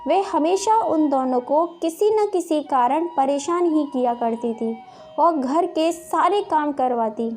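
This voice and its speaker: High-voiced woman narrating a story. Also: slow, darkish tone, faint music behind.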